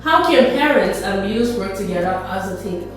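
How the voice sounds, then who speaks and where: A woman's voice: medium pitch, lively intonation, normal speed. A woman hosting an interview podcast and asking plain, prepared questions. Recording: echoey room with faint music.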